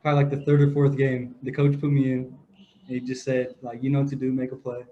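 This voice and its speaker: Young man, podcast co-host, casual sports chat, rambling with fillers, middling pitch, dull lo-fi sound. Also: brisk, a little hiss or hum. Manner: relaxed, rambling storyteller with many "like" fillers. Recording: dull lo-fi audio.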